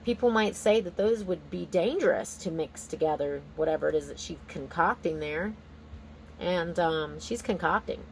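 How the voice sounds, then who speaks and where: Female tarot reader, lowish voice, off-the-cuff and slangy with exclamations, some background noise. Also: normal speed, poor audio. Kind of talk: casual, improvised tarot card reading commentary.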